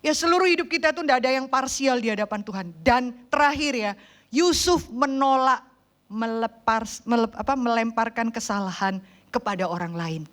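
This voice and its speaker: A woman's voice: fairly high pitch, normal speed. A woman preacher, telling stories animatedly in a sermon and acting out the people in them. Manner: animated storytelling, acts out quoted voices.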